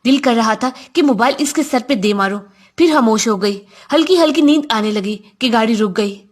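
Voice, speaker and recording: A woman's voice: fairly high pitch, expressive. A woman reading a first-person story aloud in a reflective, confiding manner.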